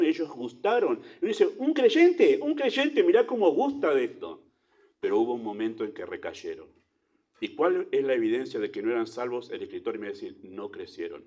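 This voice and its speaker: A man with a Rioplatense Spanish accent, a pastor preaching a sermon in church, asking rhetorical questions and swinging between loud emphasis and quiet asides. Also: medium pitch.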